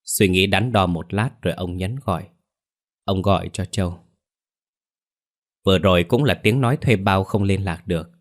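A man narrating a ghost story in a steady, unhurried reading voice. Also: deep voice.

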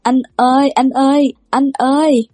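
A woman's voice: on the high side, moderate pace, mellow, dry recording, natural voice. A woman voicing a panicked young man who wails and pleads through tears. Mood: wailing. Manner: wailing, pleading, crying. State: crying.

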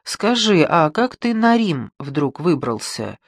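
A man's voice: fairly high pitch, very animated, slow pace, no room sound, heavily acted. A man voicing an easygoing, ironic male friend in a raised, teasing voice.

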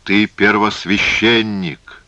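A man's voice: on the low side, animated, takes it slowly, bright, forceful tone, no room sound, muffled recording, pitched above the performer's own voice, exaggerated voice. A man voicing a noble, grave warrior who speaks solemnly and insistently.

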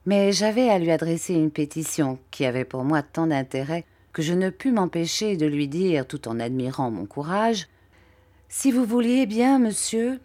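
A woman reading a classic novel aloud as an audiobook narrator, in a clear, even storytelling manner. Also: deep voice, normal speed, few pauses, dry recording. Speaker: audiobook reader.

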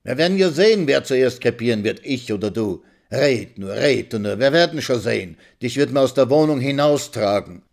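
A man voicing a bitter paralyzed old woman who groans and whines in a drawn-out, prayer-like melody. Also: low voice, expressive, dark tone, breathy edge, exaggerated voice. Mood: venomous. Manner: groaning venomously.

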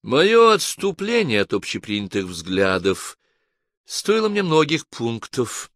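A man voicing a detached man absorbed in thought, speaking slowly with a raised pitch. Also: wildly swooping pitch, a bit bright, no echo, clean studio sound, exaggerated voice. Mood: musing.

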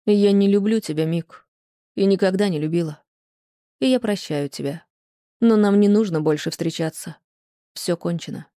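Weary guarded woman, voiced by an audiobook reader, restrained, cool, mellow tone, dry sound. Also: lowish voice, moderate pace, long pauses, no echo, natural voice. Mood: sad. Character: weary, guarded woman refusing her ex-husband.

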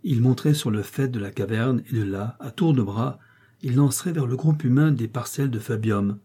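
A husky male narrator reads a classic adventure novel in a measured, dramatic style. His tone is dark and relaxed. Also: mid-range voice. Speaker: audiobook narrator.

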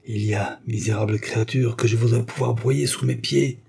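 A man's voice: medium pitch, fairly even intonation, moderate pace, vocal fry, a little mellow, husky. A man reading an audiobook voices a furious, grief-struck young duke who hurls vehement accusations. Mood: enraged.

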